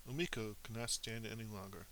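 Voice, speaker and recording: A man narrating a children's story in an animated, expressive reading with small slips. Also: lowish voice, quick pace, slight background noise, rough recording.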